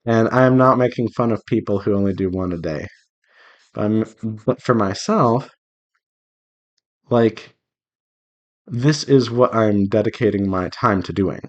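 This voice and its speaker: In this devlog, an indie visual novel developer talks casually and playfully to himself and his audience while he draws on stream, wandering from topic to topic. His voice is lowish and his pace measured, with frequent pauses. The audio sounds dull.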